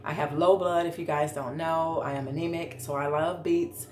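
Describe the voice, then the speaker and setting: A middle-aged American woman hosts a casual cook-along vlog, chatting informally with her viewers from her home kitchen while a camera records from a short distance away. Her voice sits low, with a steady tone and moderate pace. The room sounds echoey, and there is background noise.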